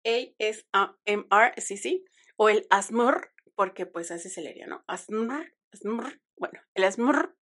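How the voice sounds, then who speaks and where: A young woman with a Mexican Spanish accent, hosting her show in a chatty, expressive, self-mocking way. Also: mid-range voice, slow pace. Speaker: podcast host. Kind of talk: casual chat.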